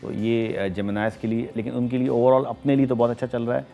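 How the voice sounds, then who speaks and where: A middle-aged man with a Pakistani Urdu accent, an astrologer reading horoscopes on a studio talk show, explaining things in a measured way with frequent hesitations. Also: medium pitch, little pitch movement, gravelly, highs cut off, soft background music.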